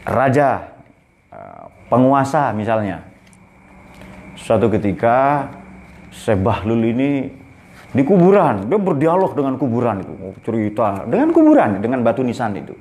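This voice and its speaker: A man's voice: mid-range voice, huge pitch swings, a little slow, pauses often, a little mellow, a little hiss or hum. A man in his forties giving a casual, joking religious lecture at a boarding school, with many fillers. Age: 40s.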